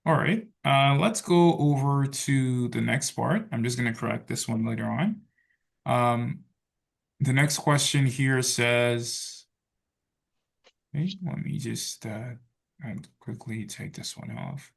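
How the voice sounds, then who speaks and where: A man teaching an English class, talking in a relaxed way full of fillers like "so" and "okay". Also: mid-range voice, takes it slowly, vocal fry. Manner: relaxed, filler-heavy, says "so" and "okay" a lot. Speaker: English tutor. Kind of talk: online tutoring class.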